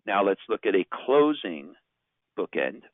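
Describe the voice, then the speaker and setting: A man's voice: sits low, very animated, unhurried, no room sound. A man giving an instructional presentation as a sales trainer, informal and emphatic, asking rhetorical questions. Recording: narrow phone-like sound, very dry.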